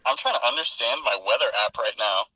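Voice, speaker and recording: Bright-voiced joking young man. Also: medium pitch, lively intonation, no room sound, rough recording. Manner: joking, laughing, quick-witted. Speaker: podcast co-host. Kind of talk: casual chat.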